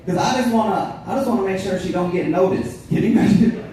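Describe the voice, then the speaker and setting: A man's voice: sits high, quick pace, dark tone. A man in his thirties doing a stand-up comedy set on a club stage, brash and profane, bantering with the audience. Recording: echoey club room, distant, crowd laughter.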